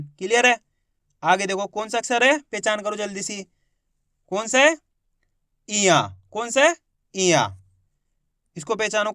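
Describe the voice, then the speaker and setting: Slow, high-voiced man teaching letters. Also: bright, forceful tone, dry recording, studio quality. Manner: slow, drawn-out sounding of each letter, prompting viewers to repeat; asks "clear?" and "which letter is it?" to quiz viewers. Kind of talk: Hindi alphabet lesson.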